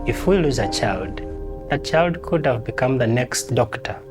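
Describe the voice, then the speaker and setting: A man giving a documentary interview in measured, rhetorical statements. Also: medium pitch, animated. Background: music.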